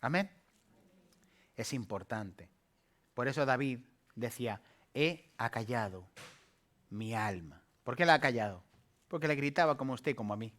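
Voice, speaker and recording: A man preaching a sermon as pastor, swinging from emphatic calls to soft asides and playful acted-out voices. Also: mid-range voice, animated, normal speed. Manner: call-and-response preaching, rising to emphatic peaks then dropping soft; acts out playful asides and voices in a light humorous tone.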